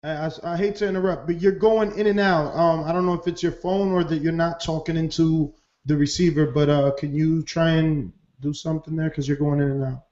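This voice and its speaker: A man's voice: a little high, steady tone, fairly quick, darkish tone. Man in an echoey, dull-sounding room. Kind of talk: casual chat.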